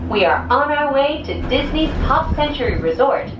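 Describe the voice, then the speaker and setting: A woman's recorded announcement played over a gondola cabin loudspeaker, polished, measured and welcoming. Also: high-pitched, sing-song. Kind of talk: scripted public announcement. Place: inside a moving gondola cabin. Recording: echoey, distant loudspeaker with ride noise.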